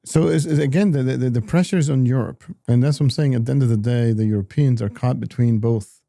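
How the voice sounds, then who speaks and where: A man talking politics as an analyst in a casual discussion, halting often with repeated words and restarts. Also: mid-range voice, gravelly, dark tone, no echo, clean studio sound.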